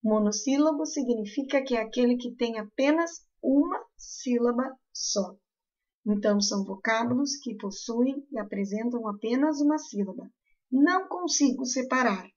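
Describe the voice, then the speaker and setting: A woman teacher with a southern Brazilian accent, explaining a grammar lesson slowly and carefully to her class. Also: fairly high pitch, a little mellow, highs cut off. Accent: southern Brazilian Portuguese.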